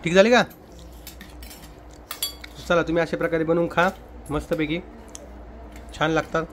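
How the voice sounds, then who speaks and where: A man's voice: on the high side, fairly even intonation, normal speed, fairly bright tone, a little hiss or hum. A man, a family vlogger and father, chatting casually in a home kitchen while filming on a phone, coaxing his small child and turning to speak to viewers. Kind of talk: casual home vlog chat.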